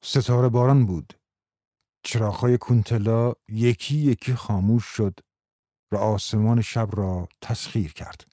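A man reading a story aloud in a measured storytelling manner. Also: lowish voice, fairly even intonation, dark tone, no echo, studio quality. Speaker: audiobook narrator.

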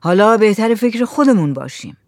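A woman's voice: medium pitch, expressive, dry recording, studio quality, close to an everyday voice. A woman voicing a worried, bloated village man who complains and argues. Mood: complaining. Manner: complaining, argumentative.

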